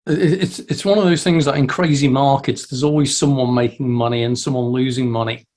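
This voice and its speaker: A man's voice: medium pitch, steady tone, fairly quick, a little mellow. A man hosting a casual group chat over a video call. He talks in a loose, friendly way and often stumbles and restarts his sentences. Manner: chatty, many restarts. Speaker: host.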